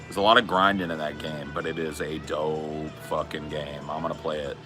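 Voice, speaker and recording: A man's voice: a bass voice, level tone, normal speed, over music. A man in his forties chatting casually on a live stream, laid-back and slangy, swearing often. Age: 40s. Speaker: streamer reading chat.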